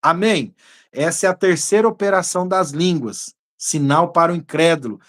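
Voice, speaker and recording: A man with a Brazilian Portuguese accent, a pastor preaching a teaching sermon and telling a personal story in a lively way. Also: fairly high pitch, moderate pace. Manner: lively storytelling, bursts into praying in tongues.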